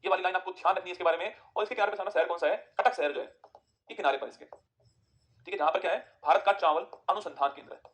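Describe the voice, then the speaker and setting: A man teaching an exam-prep geography lesson, firing quick questions at students and answering them himself. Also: high-pitched, fairly bright tone.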